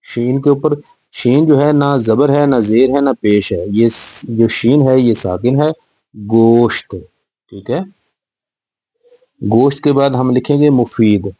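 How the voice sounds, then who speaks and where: A man's voice: mid-range voice, slow pace, warm tone, breathy edge, dry recording. A man teaching young children to read and write, spelling each word letter by letter and repeating it patiently. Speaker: Urdu teacher. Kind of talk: slow spelling lesson for children.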